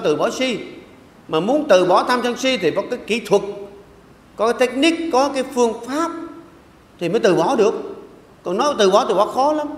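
An older man, a Buddhist monk, giving a conversational sermon to a live congregation, often checking in with the audience and swinging between raised calls and soft low asides. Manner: conversational, repeats "Đúng không?" to the audience. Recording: roomy hall echo, voice off-mic at times.

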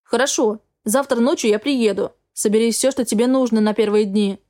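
A resolute young lover speaks in short, firm, quick sentences, voiced by a woman reading an audiobook. The voice is fairly high and warm, close to the reader's own. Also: close to an everyday voice. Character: determined protective young man, lover.

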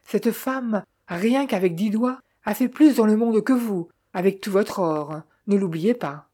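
A woman's voice: medium pitch, measured pace, warm tone, husky. A woman reading the part of a polite, earnest young man.

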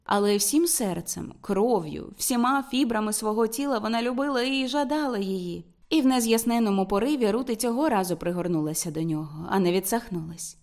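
A woman narrating a novel as an audiobook in a steady, measured way. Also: mid-range voice.

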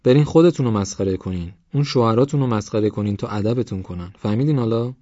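A man's voice: on the low side, mellow, no room sound, dull audio, natural voice. A male narrator voicing a bold young village girl who brags and talks like a know-it-all. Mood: indignant. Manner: cocky, chatty, know-it-all.

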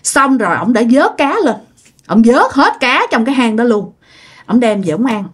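A woman's voice: fairly high pitch, lively intonation, normal speed, slightly rough. A woman with a Southern Vietnamese accent telling a ghost story in a chatty, casual way, addressing her listeners directly.

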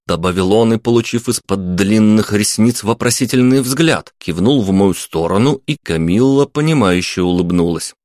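A man giving a steady, even first-person audiobook narration. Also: fairly low pitch, no room sound, studio quality.

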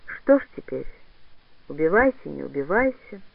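Frail old village grandmother, gruff, as a man plays her. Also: a little high, sing-song, normal speed, no echo, pitched below the performer's own voice, heavily acted. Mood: lamenting. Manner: scolding, folksy village speech. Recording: tinny phone-like sound, dry.

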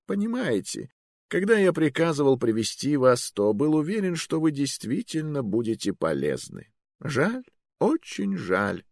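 A genial old wizard, pitched up high and speaking slowly, with a mild, drawling politeness that never cracks - voiced by a man reading a storybook. The recording is dry and close. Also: wildly swooping pitch, creaky, a little mellow, no echo, exaggerated voice. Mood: mildly cruel. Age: older. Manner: drawling, mild and polite while ordering deaths. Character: genial old male wizard magister, coolly ruthless.

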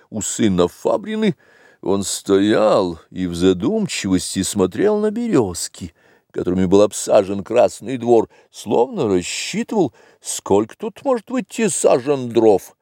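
A man reading a literary novel aloud, with expressive, measured narration. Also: fairly low pitch, vocal fry, dry recording, clean studio sound. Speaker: audiobook reader.

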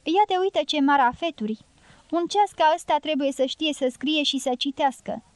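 A woman's voice: sits high, no echo, voice pushed up, close to an everyday voice. A woman reading an audiobook, voicing a talkative, joking Romani guerrilla man who admits he is afraid. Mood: mocking, voluble.

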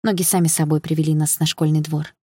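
A woman narrating an audiobook in the first person, calm and steady. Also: deep voice, quick pace, husky, no room sound, clean studio sound.

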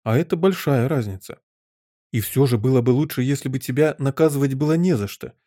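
A man's voice: mid-range voice, fairly quick, mellow, dry recording, clean studio sound, close to an everyday voice. A man voicing an earnest, curious little girl of seven in an audiobook. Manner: earnest, questioning.

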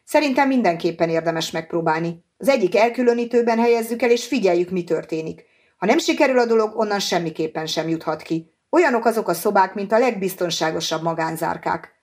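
A woman's voice: medium pitch, lively intonation, darkish tone, lightly acted. A woman reading as a cautious male scientist. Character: calm male scientist, middle-aged, cautious. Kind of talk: audiobook character reading.

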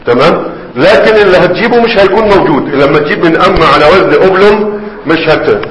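A man with an Egyptian Arabic accent teaches grammar in a conversational classroom lecture, checking in with his students often. His voice is high, expressive, fast and a bit bright. The recording comes from an echoey hall with faint background noise.

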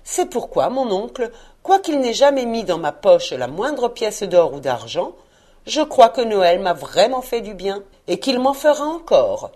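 A woman voicing a cheerful, earnest young man who pleads warmly and eagerly. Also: medium pitch, big pitch swings, unhurried.

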